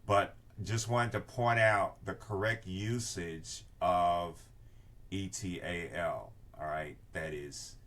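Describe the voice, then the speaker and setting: Low-pitched and fairly bright, an older man speaks slowly while giving an informal screen-share tutorial for his research class. A video inset shows him in an indoor room with bookshelves. He explains each point and keeps checking that his listeners follow.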